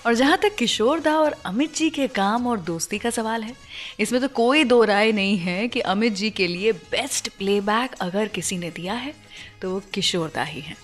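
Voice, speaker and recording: With music underneath, a female radio host speaks at normal speed in a mid-range voice. She narrates stories for her music show in a scripted, conversational way and sprinkles in English phrases.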